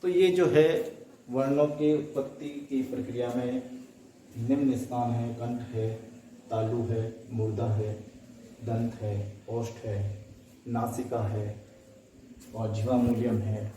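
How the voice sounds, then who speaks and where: A man's voice: medium pitch, steady tone, takes it slowly, pauses often, dark tone, a little hiss or hum. A male teacher giving a lesson, reciting letters one by one and asking and answering his own questions. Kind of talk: Sanskrit phonetics lesson. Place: classroom or room, writing on a board. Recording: echoey room, voice from a distance.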